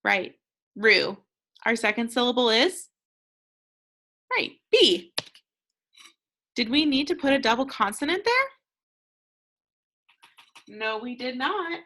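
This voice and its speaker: American teacher lady, super slow and bright, patient phonics lesson for little kids. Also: a little high, expressive. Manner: patient, encouraging, pauses for answers. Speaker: second grade teacher.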